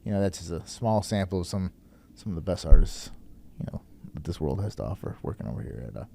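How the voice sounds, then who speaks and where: A man in his thirties, a company chief on a podcast, joking in a deadpan way with drawn-out pauses. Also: low voice, gravelly, slight background noise. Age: 30s. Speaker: podcast guest, company CEO. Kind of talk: casual podcast chat.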